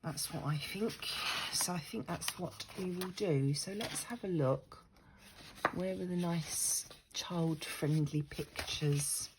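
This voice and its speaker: Slow-paced and fairly low in pitch, an older woman rambles through a casual crafting tutorial, sounding stuffy from a cold that lingers. She's self-deprecating as she works at an indoor craft table. An overhead camera above the craft mat records her amid heavy background noise.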